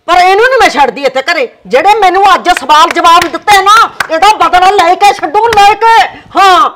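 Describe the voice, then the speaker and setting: Woman as nagging mother-in-law, Punjabi accent, high pitch, bright tone, amateur short film. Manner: shrill nagging and threatening. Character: scolding mother-in-law, older woman, quarrelsome.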